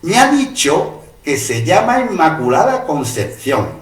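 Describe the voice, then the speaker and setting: Man doing a young peasant girl, shrill, frantic, insistent, far from the mic. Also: very animated. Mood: urgent. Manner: shouting, rushed and insistent. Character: frightened young peasant girl, breathless and urgent. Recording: roomy, distant mic.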